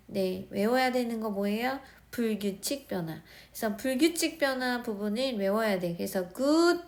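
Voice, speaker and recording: A woman teaching English grammar in a recorded lesson, speaking with a Korean accent, explaining step by step and often checking that students follow. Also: fairly high pitch. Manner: slow, explaining, repeating words and checking understanding.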